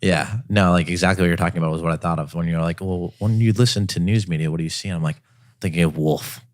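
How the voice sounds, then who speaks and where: A man hosting a podcast interview, talking fast and upbeat with casual slang. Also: low-pitched, steady tone, dry recording, studio quality. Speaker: podcast host. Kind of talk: interview chat.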